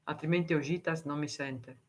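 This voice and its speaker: A woman's voice: deep voice, steady tone. A woman from Italy chatting casually on a live stream, reading viewer comments, answering them and laughing often. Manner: deliberately slow, careful speech for foreign viewers.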